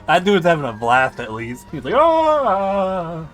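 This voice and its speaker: A man's voice: mid-range voice, animated, fairly quick, a bit bright, soft background music. Guy streamer rambling casually, like, lots of fillers, voice jumping all over. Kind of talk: casual watch-along chat.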